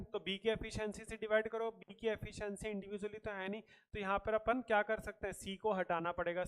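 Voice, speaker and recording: A man with a fairly high voice teaches a math lesson for exam preparation. He walks through each problem step by step and keeps checking that his students are following. He mixes English math terms into his Hindi. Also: fairly bright tone, clear, resonant tone. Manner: explains step by step, often checks in with "thik hai" and "bachchon". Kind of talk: exam-prep math lecture.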